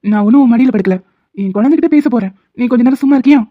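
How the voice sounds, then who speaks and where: Woman doing a fussy loving cartoon husband, highish voice, dry dull recording. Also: racing, dry recording, lightly acted. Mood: worried doting. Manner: teasing, fussing, affectionate. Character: doting, teasing young husband, easily worried. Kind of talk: animated cartoon dialogue.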